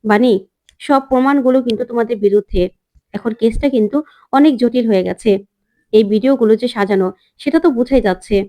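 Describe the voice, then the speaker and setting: A woman voicing a cautious male lawyer who explains that solid proof is needed, in a measured way. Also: extremely high pitch, warm tone.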